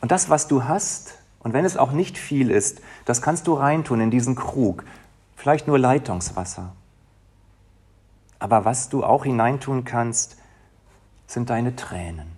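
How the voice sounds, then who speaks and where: A man delivers a sermon with a husky, breathy edge to his voice. He speaks as a pastor addressing his congregation, moving from hushed, intimate phrases to emphatic, rising appeals. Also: medium pitch, animated, unhurried. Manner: emotional, dynamic, swings from soft to emphatic.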